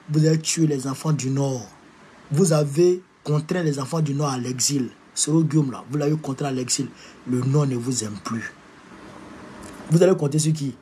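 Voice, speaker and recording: A man's voice: fairly high pitch, dark tone, slightly rough. A man with an Ivorian French accent, ranting at political opponents in a combative, insulting and repetitive way. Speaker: political activist. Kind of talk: political rant to camera.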